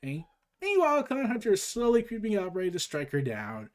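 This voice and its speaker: Laid back comic reader, rambly asides, lively up and down voice. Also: medium pitch, fairly quick. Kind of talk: casual comic book read-aloud.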